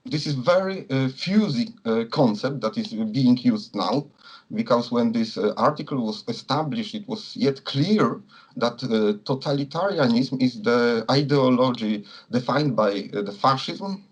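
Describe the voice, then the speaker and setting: A man from Poland with a Polish accent, a non-native speaker answering interview questions in a hesitant, halting way, searching for words. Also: mid-range voice, expressive, slightly rough. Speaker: interviewee, communist political activist.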